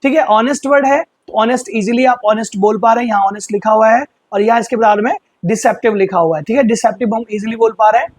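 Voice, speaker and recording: High-voiced teacher. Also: male voice, fairly even intonation, darkish tone, no echo. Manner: explanatory, repeats words slowly for pronunciation. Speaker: English teacher. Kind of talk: vocabulary lesson.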